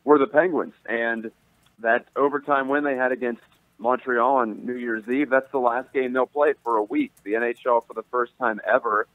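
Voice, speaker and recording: A man with a medium-pitched, steady voice calls in to deliver sports commentary by phone, talking in detail at a moderate pace. There's no echo, though the line has a tinny quality.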